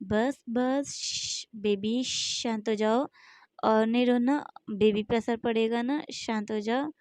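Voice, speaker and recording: Woman reading a gentle, firm young man, soothing and steady, smooth dry sound. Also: on the high side, slow, no room sound. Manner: soothing, reassuring.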